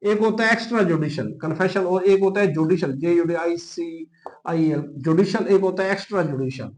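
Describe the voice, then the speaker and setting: A police exam law lecturer with a Pakistani accent talks fairly quickly in a high voice, teaching in Urdu sprinkled with English legal terminology. Emphatic and repetitive, he spells out the key terms and makes sure students understand. The recording is rough.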